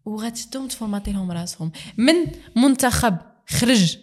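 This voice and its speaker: Rapid and earnest, this Moroccan-accented woman talks as an interview guest, her speech running quickly and mixing in French terms. She keeps a casual chatting tone throughout. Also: mid-range voice, animated. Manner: earnest, mixes in French words.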